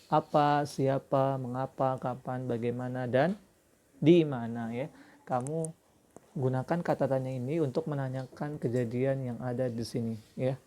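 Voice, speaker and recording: Give me a male religious school teacher with a warm, mellow voice, patiently explaining to young children. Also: medium pitch, steady tone, a little slow. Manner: patient, explanatory, with many fillers and restarts. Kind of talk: online class lesson for young children.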